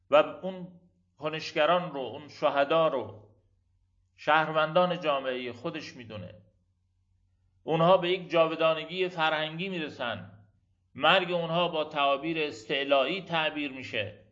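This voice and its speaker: A man's voice: medium pitch, fairly bright tone. Male lecturer, rhetorical, repetition-driven delivery, dull lo-fi sound. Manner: rhetorical and emphatic, builds on repeated phrases. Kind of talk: reflective religious lecture. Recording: dull lo-fi recording.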